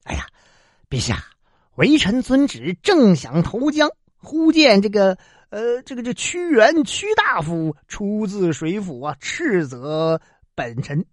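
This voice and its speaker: A woman's voice: medium pitch, very animated, no room sound, studio quality. A woman doing a sly, humble court scholar. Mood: pleading. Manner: slow, drawn-out, humble pleading with hesitations. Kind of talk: traditional storytelling.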